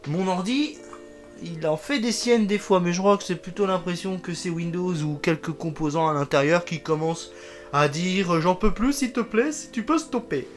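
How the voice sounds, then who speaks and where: Male vlogger, casual tech teardown, chatty and self-correcting, faint music bed. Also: high-pitched. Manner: rambling, self-correcting, fond of "donc". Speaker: tech video creator. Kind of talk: casual hands-on tech vlog.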